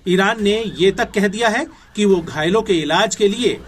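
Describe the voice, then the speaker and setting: This Indian-accented man has a high voice and reads at normal speed, narrating scripted news. The delivery is formal and emphatic, like a newsreader's, with music in the background.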